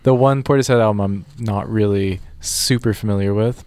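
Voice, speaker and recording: A male radio co-host talks casually about music. His voice is fairly low and recorded dry and close, with little room sound. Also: moderate pace, a little mellow, clear, resonant tone, no echo. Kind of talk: casual on-air music chat.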